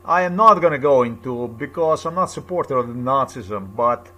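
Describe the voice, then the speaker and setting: A man's voice: mid-range voice, lively intonation, moderate pace, bright, forceful tone. A man from Slovenia with a Slovenian accent, speaking to camera in an insistent, repetitive, lecturing monologue. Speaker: video blogger.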